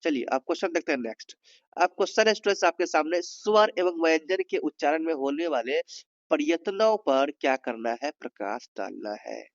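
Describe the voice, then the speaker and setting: A man's voice: fairly high pitch, animated, brisk, no echo. Guy teaching exam prep, explains step by step, keeps checking if students get it, kinda muffled dry audio. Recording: dull, muffled sound.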